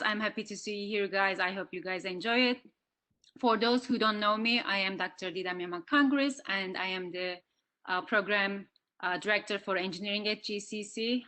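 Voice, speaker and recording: A woman's voice: mid-range voice, fairly bright tone. A woman engineering program director giving welcome remarks on a video call, with some hesitations.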